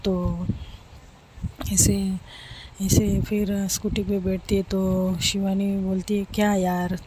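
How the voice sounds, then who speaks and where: A woman's voice: medium pitch, completely flat delivery, slow, mellow, slight background noise. A woman narrating a love story in a plain, repetitive storytelling manner, voicing all the characters.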